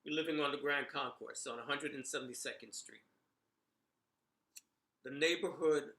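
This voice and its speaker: A middle-aged man from the Bronx, New York, reminisces as a commentator in a casual monologue peppered with "you know" and "right?". His voice is fairly high and sharp, and the recording sounds roomy.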